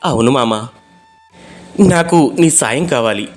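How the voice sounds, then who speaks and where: A man voicing a gentle, humble young husband who speaks softly and politely. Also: medium pitch, animated, slow pace, soft background music. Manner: soft, pleading, polite. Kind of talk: animated storybook voice acting.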